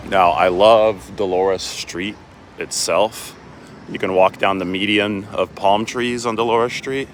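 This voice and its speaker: A man's voice: fairly low pitch, steady tone, takes it slowly, slight background noise. A sports reporter chatting casually outdoors while walking with a handheld phone camera, rambling and often restarting his sentences. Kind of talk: casual live walking vlog. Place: outdoors on city streets and in a park.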